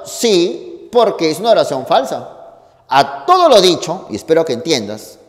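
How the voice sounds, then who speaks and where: A man's voice: fairly high pitch, moderate pace. A male teacher giving a lesson, asking questions and answering them himself. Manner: lively, asks and answers his own questions. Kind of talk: lecture. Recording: echoey room with long reverb.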